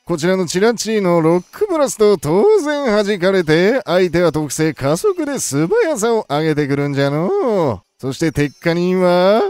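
A game streamer calling competitive battle moves play by play, excitable and talking through each decision aloud in a playful old-man way of speaking. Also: mid-range voice, no echo.

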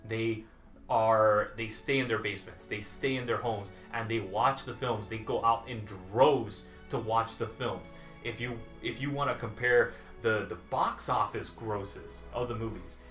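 A thirtysomething man with a mid-range, fairly bright voice takes the Lord of the Rings side in a casual debate, arguing his point and citing figures. The setting is a small indoor room packed with movie memorabilia, and the recording sounds echoey.

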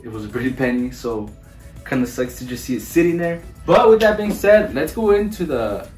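A man in his twenties, vlogging a casual house tour, uses Spanish words in his English as he shows small bathrooms and bedrooms. His medium-pitched voice is animated, fairly quick and a little mellow, with soft background music. Someone else holds the camera or phone a few feet away, creating a roomy echo.

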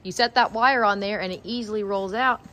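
A woman's voice: medium pitch, a little fast, pushed and bright. A woman filming and chatting off camera, teasing and laughing as she narrates her husband's work inside a large pole barn. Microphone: handheld phone camera. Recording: noisy barn with clicks and vehicle sounds.

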